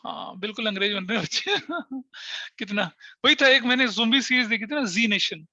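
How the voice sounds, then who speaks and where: A man's voice: very high voice, normal speed, bright, forceful tone, dry recording, muffled recording. A middle-aged man teaching an accountancy class, talking straight to his students, mixing Hindi and English terms, joking and scolding by turns. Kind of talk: online class lecture.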